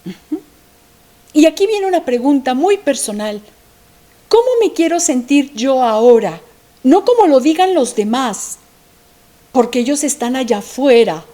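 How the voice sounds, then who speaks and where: A woman lecturer speaks slowly and reflectively, often asking herself questions. Her voice sits a little high but sounds mellow. Now and then she sinks to a soft near-whisper. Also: animated. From Mexico. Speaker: thanatology lecturer.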